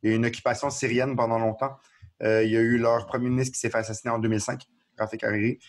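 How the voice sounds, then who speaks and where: A man with a Quebec French accent talks through current events at a quick clip, earnest and explanatory, often stumbling and restarting. His pitch stays mostly level and even. It comes across as casual podcast talk. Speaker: podcast co-host. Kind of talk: casual current-affairs discussion.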